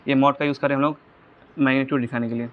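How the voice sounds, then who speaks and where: A man's voice: mid-range voice, little pitch movement, racing, phone-quality sound. Man teaching physics step by step. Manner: explains step by step, asking the class rhetorical check questions. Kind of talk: whiteboard physics lesson.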